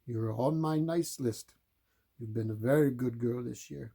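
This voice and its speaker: A man's voice: mid-range voice, vocal fry, dark tone, breathy edge. A man playing a kindly, playful old Santa Claus, reading a storybook aloud in a jolly, theatrical way with chatty asides. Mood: warm, playful. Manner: jolly, chuckling, theatrical, unhurried.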